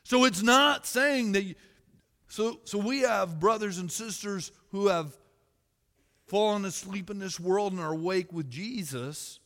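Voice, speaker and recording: A man preaching a sermon to his church, reading scripture loudly and then dropping to quiet, personal musing. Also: sits high, a little slow, long reverb tail. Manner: animated, swings between loud scripture reading and quiet musing. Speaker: pastor. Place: church sanctuary.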